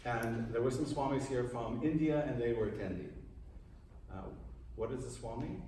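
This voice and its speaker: Priest lecturing in an echoey hall. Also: male voice, medium pitch, normal speed, dark tone. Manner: conversational, quizzes the audience. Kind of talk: informal lecture to a parish group. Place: large room with a live audience. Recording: echoey room from a distant mic, faint hiss.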